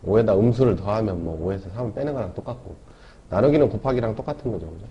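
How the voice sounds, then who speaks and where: A man's voice: fairly low pitch, fast talker. A man teaching a math lesson, explaining step by step and often checking in with tag questions. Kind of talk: classroom lecture. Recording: dull lo-fi lecture recording.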